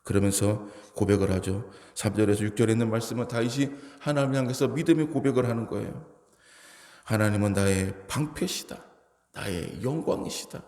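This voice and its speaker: A man's voice: lowish voice, brisk, a little mellow. A male pastor preaching an early-morning sermon, building to emphatic exhortations. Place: church sanctuary. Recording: echoey church hall.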